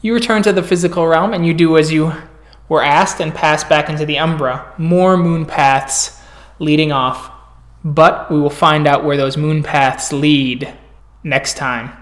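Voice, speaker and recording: A man's voice: fairly high pitch, steady tone, a little slow, a bit bright. A man narrating a tabletop role-playing game as its game master and host.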